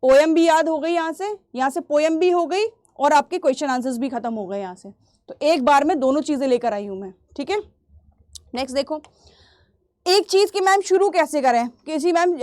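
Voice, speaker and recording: In a high-pitched voice with a darkish tone, a woman teacher runs an exam revision lesson. She slowly reads English lines before explaining them and repeating key points, occasionally clearing her throat, in clean studio sound with no echo.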